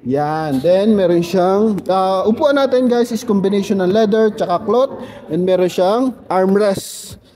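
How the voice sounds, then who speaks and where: High-voiced man in an echoey showroom. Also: a little slow, dark tone. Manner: chatty, tags lines with questioning asides. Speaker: car sales agent. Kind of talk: car showroom walkaround. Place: car showroom. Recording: echoey showroom with long reverb.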